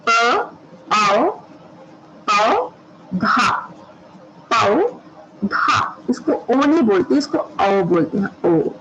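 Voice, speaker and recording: A woman's voice: fairly high pitch, muffled recording, slight background noise. A woman kindergarten teacher giving an online class, drawing out each syllable patiently for small children.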